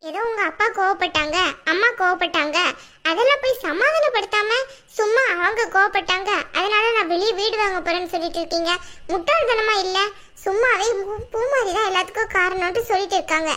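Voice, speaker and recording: A young wife in a family drama skit who pleads and defends herself against blame, played by a woman. Her voice is very high and bright, and her protests sound earnest and worried. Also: fairly quick. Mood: pleading. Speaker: actor.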